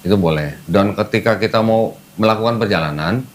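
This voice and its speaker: A man's voice: fairly low pitch, brisk, a little hiss or hum. A man patiently explaining religious practice step by step, repeating key terms, in casual conversation indoors. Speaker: Islamic teacher guiding a convert. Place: indoors, air-conditioned room.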